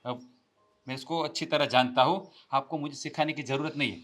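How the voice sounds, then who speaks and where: A man's voice: a little high, fairly even intonation, fairly quick, a bit bright, faint music behind. An actor playing a rude, quarrelsome younger brother who scolds his family harshly. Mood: scolding. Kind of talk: scripted family drama acting.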